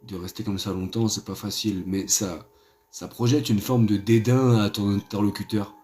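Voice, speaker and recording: A man's voice: fairly low pitch, steady tone, normal speed, warm tone. A man chatting casually on a live stream in a playful, rambling manner, teasing his viewers.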